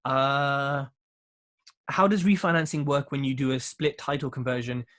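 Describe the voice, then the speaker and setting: A man's voice: medium pitch, fairly even intonation, normal speed, a bit bright. Breezy man hosting a live Q&A, joking and slangy, mid-range voice. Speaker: show host asking listener questions. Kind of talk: casual live Q&A chat.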